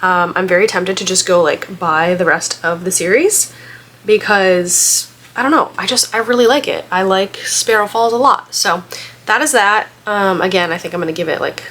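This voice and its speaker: A book vlogger, a woman getting over a head cold and still congested, rambles casually with lots of filler words. Her voice is medium-pitched and a bit bright at a moderate pace, with a little hiss or hum in the recording.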